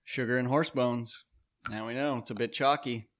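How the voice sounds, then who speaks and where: Man, casual host, playful teasing tone, average pitch. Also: fairly even intonation, normal speed, fairly bright tone. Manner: playful, joking mock-serious banter. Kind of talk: casual chat.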